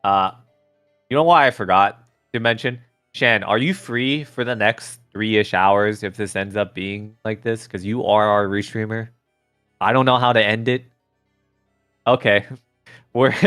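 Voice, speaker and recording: A man commentates a game race live in a casual, hyped gamer-bro way. His voice sits at an average pitch, with music playing clearly behind him. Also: a bit bright.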